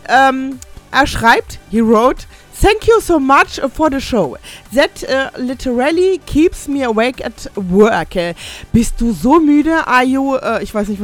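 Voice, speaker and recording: A middle-aged woman with a fairly high voice hosts a casual radio show, rambling and poking fun at herself. She reads out listener messages in halting, broken English.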